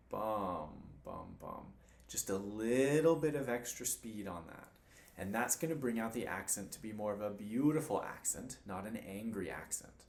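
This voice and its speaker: A man's voice: on the low side, a little mellow. A man teaching cello in a patient, encouraging way, counting beats aloud as he demonstrates. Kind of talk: instructional demonstration. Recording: roomy room with faint noise.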